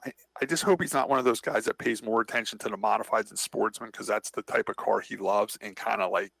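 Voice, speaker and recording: A man's voice: fairly low pitch, steady tone, quick pace, vocal fry, fairly bright tone, dry recording, poor audio. A man co-hosting a podcast, talking in a casual, rambling way about his racing. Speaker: podcast co-host and racer. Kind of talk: casual chat.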